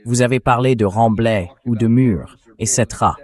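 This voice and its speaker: In this dubbed translation of a political interview, a synthetic man's voice takes the host role and puts the questions. It sits at a medium pitch, speaks at normal speed, and has a slightly mellow quality.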